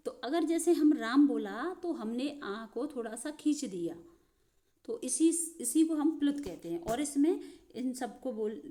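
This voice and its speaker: A woman's voice: a little high, warm tone. A woman teaching a grammar lesson, explaining step by step and addressing viewers as friends.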